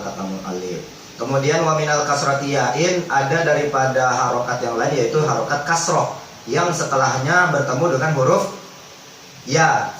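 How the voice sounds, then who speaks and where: A man teaching Quran recitation rules in a religious study lesson, explaining in relaxed everyday speech and chanting drawn-out recited examples. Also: medium pitch. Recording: echoey hall, distant mic, faint background noise.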